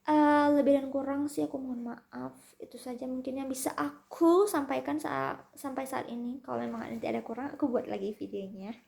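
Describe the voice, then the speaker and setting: Chatty young woman with gravelly voice. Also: high-pitched, steady tone, fairly quick, a little mellow. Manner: chatty, mixes in English and German words. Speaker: vlogger. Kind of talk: casual storytelling vlog.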